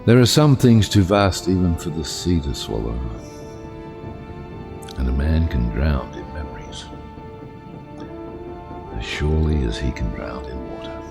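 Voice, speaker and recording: An actor playing a brooding, embittered submarine captain in a cinematic audio drama, grandiose and solemn in delivery. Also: male voice, very deep voice, expressive, a little slow, gravelly, pauses often, loud music behind the voice, heavily acted. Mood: bitter, haunted.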